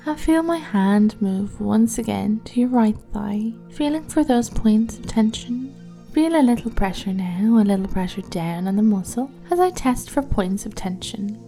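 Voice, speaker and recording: A woman speaking softly and slowly, often in a whisper, guiding a massage and hypnosis roleplay in the second person. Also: on the high side. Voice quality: soft, slow, soothing, often whispered. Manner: second-person guided imagery. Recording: soft music behind the voice. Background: faint music.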